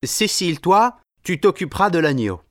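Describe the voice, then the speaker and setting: Man doing a pushy sous-chef in a textbook dialogue, fairly high voice, lots of up and down. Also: sing-song, moderate pace, no echo, clean studio sound. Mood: insistent. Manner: insistent, self-important. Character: eager adult male Italian sous-chef, a bit touchy.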